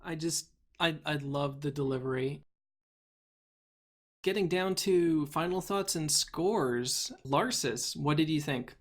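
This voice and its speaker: A man's voice: on the high side, slow. A man hosting a casual review discussion, leading the talk and laughing easily. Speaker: podcast host.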